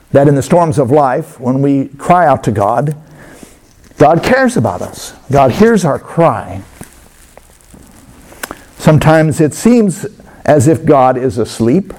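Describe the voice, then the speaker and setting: A man preaching a sermon as a pastor, telling stories in a conversational way with many pauses. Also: a little high, very animated, darkish tone.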